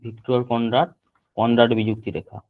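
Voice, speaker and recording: A man's voice: medium pitch, flat delivery. Male teacher over a tinny line. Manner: repeats terms slowly for note-taking. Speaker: geography teacher. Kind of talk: online class lecture.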